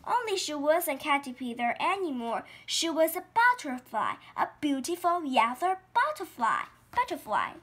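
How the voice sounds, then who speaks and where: A woman reading a children's story aloud, repeating key words slowly for learners. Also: high-pitched, very animated, fairly bright tone, a little hiss or hum.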